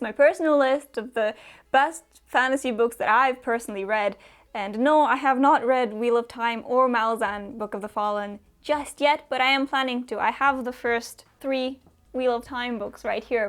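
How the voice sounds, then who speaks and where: In this casual chat, a young booktuber from Romania fields viewer questions, laughing softly and using plenty of fillers. She speaks with a fairly high pitch and a clear, resonant tone.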